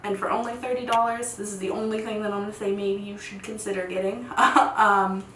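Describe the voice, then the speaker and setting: A woman's voice: medium pitch, little pitch movement, fairly quick. Chatty woman, echoey distant room. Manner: chatty, rambling, laughs often. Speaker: content creator teaching lighting. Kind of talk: casual tutorial. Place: home room set. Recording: echoey room, distant mic, faint hiss.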